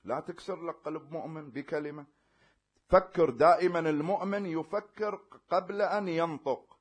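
A man preaching a sermon, swinging between loud emphatic declarations and hushed, quiet passages. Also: fairly high pitch, normal speed, husky.

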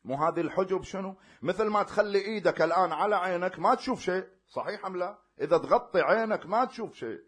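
High-voiced preacher. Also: male voice, animated, quick pace, few pauses, husky. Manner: emphatic, swings between loud declarations and hushed passages. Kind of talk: sermon.

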